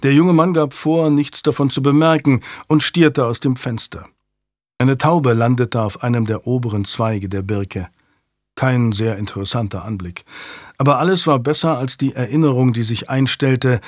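A man's voice: medium pitch, normal speed, no room sound, clean studio sound. Composed male audiobook narrator. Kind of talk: scripted narration.

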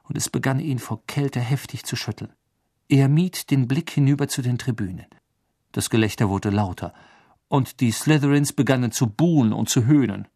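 A man reading a novel aloud as an audiobook narrator, telling the story in a lively way and voicing the characters' quotes. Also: medium pitch, no room sound, studio quality.

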